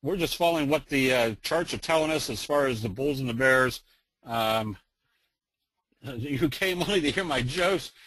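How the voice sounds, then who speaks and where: A man's voice: mid-range voice, animated, normal speed, fairly bright tone, no echo, poor audio. A man giving a casual, joking trading lesson in a webinar, full of fillers. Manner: folksy, joking, many fillers. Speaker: trading instructor.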